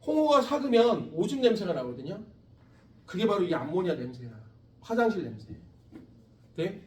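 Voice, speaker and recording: A man in his forties gives a classroom lecture in a high, animated voice, chatting with students and firing questions at them. He is picked up from some distance in an echoey room with faint background noise. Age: 40s. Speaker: science teacher.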